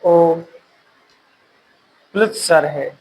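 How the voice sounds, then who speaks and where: A male teacher giving a classroom lecture, repeating key phrases slowly so students can write them down. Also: on the high side, rough recording.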